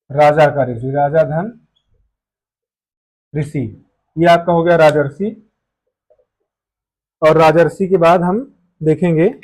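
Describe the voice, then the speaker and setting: A man's voice: fairly high pitch, darkish tone, low-quality recording. A man teaching a grammar lesson, explaining step by step and answering his own questions.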